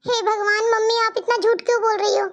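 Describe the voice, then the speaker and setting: A polite young daughter-in-law from a cartoon story, voiced by a woman. She speaks in a dutiful, pleading manner. Her cartoon voice is very high and squeaky. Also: little pitch movement, brisk, lo-fi sound.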